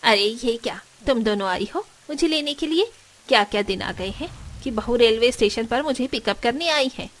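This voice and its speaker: A woman voicing a scheming aunt-in-law in a dubbed cartoon, with a sly, sharp-tongued manner. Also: a little high, expressive, normal speed, slight background noise, natural voice. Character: scheming meddling aunt-in-law stirring up family fights. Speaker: voice actor.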